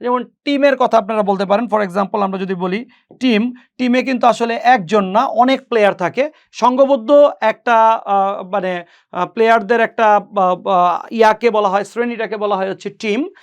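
High-voiced Bangladeshi man teaching. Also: normal speed. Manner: patient, repeats key points, mixes in English. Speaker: exam coaching teacher. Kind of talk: recorded lecture explaining past exam questions.

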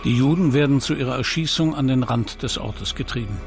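A man's voice: mid-range voice, a little fast. A man reading scripted documentary narration as the narrator of a history film. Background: music.

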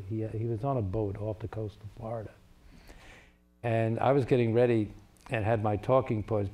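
An older man, a former ambassador, moderating a panel and telling an animated anecdote. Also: lowish voice. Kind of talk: panel discussion storytelling.

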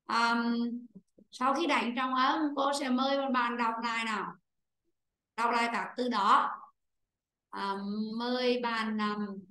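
A woman teaching English pronunciation in an online class, explaining slowly and repeating key points for her students. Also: on the high side, sharp tone, roomy sound, low-quality recording. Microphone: computer microphone on a video call.

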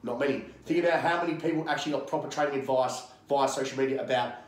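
A brash Australian man in his thirties, a strength coach guesting on a podcast, swears freely and sounds fired-up. He talks at a quick pace with a medium pitch, and the indoor gym he's recorded in is echoey.

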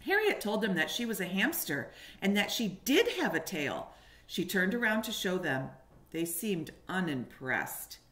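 A forties-aged woman with a mid-range voice reads a picture book at a measured pace, expressive and animated for young listeners. She explains and asks them questions, and the indoor living room recording is echoey.

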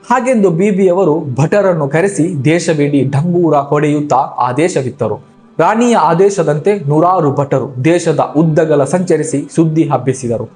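A man telling a religious story as scripted narration, with a measured, solemn delivery. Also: a little high. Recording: soft background music.

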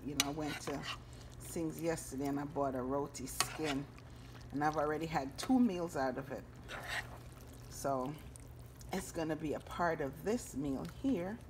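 A deep-voiced woman runs a home cooking channel, cooking at the stove and chatting casually with her audience. Background noise comes through on her handheld phone camera.

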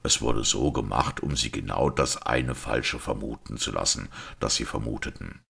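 Guy doing a mild quiet priest, super low, husky and slow. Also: full character voice. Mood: calm. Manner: quiet, unhurried, gentle. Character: calm, kindly male priest detective.

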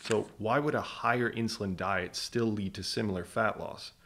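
A man's voice: fairly low pitch, moderate pace, a bit bright. A man narrating a scripted science explainer about nutrition studies, emphatic and fond of rhetorical questions. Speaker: science educator.

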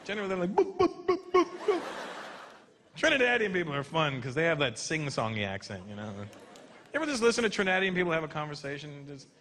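A man's voice: fairly high pitch, very animated, racing, pushed and bright. A man doing stand-up comedy, playfully imitating how other people talk. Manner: mimics accents with bouncy exaggerated voices.

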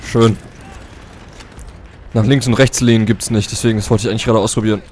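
A man's voice: on the low side, steady tone, fast, a little mellow, slight background noise. A man giving casual, colloquial gameplay commentary as a let's player, with muttered reactions.

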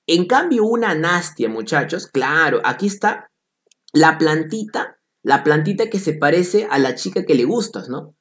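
A man's voice: on the high side, big pitch swings, moderate pace, a bit bright. A man teaching an exam-prep biology class in Peruvian Spanish, playful and repeating key points while calling on students.

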